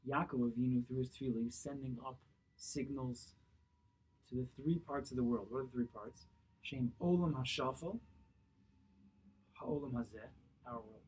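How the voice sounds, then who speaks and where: In a small synagogue study room, a thirtysomething rabbi sits at a table teaching a Torah class on a text, filmed by a camera a few feet across from him. His mid-range, somewhat mellow, husky voice moves at a normal pace with frequent pauses as he asks and answers his own questions and repeats key phrases. The recording is rough.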